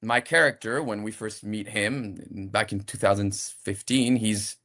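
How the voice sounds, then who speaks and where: An actor from France, appearing as an interview guest, speaks a little slowly in a lowish voice. He's casual, relaxed and hesitant, restarting frequently, with a light French accent softened by years abroad.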